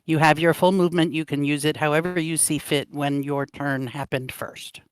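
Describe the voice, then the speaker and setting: A man running a tabletop game over voice chat, with a fairly high, smooth and resonant voice. He talks hesitantly, apologizes often and fills pauses with ums. The sound is close and dry, with no room around it. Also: steady tone, dry recording. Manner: hesitant, apologetic, full of fillers. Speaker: dungeon master. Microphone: voice chat microphone.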